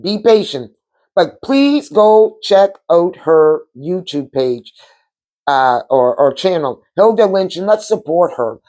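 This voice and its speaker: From her couch at home, a woman hosts her own vlog, chatting casually in a spiritual, heartfelt way and repeating words for emphasis. Her voice is lowish, slow, mellow and sing-song.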